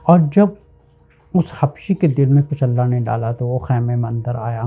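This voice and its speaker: A man's voice: medium pitch, creaky. A man preaching a sermon, earnest and emphatic, slipping English words into his talk. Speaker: Islamic preacher. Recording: narrow phone-like sound.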